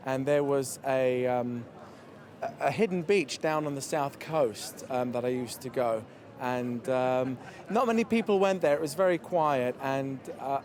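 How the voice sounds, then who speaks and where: Man, mid pitch, hesitant, thoughtful, casual chat. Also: measured pace, a little mellow. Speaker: interviewee.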